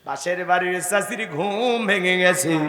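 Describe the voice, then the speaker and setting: A male preacher, delivering an emotional sermon in a melodic chant that rises into shouts. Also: high voice, measured pace. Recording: echoey PA sound with long reverb.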